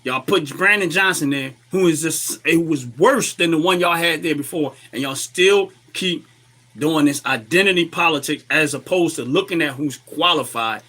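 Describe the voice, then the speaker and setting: A man with an American accent hosting a casual, opinionated livestream commentary while a little under the weather, clearing his throat and repeating phrases for emphasis. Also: a little high, normal speed, pushed and bright. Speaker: livestream host.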